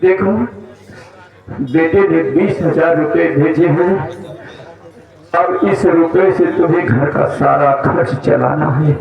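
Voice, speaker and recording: An actor playing a frail, poor old father in a folk theatre play, speaking softly and pleading. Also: a little high, slow, gravelly, pauses often, lo-fi sound. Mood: tender. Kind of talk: folk theatre stage acting. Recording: echoey, distant live stage recording with loud music.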